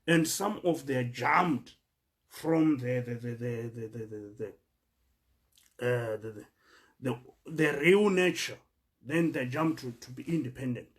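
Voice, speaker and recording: A man's voice: medium pitch, slow, pauses often. A man from Zimbabwe with a Zimbabwean accent, giving an earnest monologue that cites scripture and stumbling as he repeats words while searching for the next. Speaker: speaker addressing fellow migrants.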